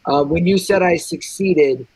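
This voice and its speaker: A man's voice: fairly high pitch, a little slow, a loud crowd, poor audio. A man playing a tabletop game, talking casually and thinking aloud through the rules.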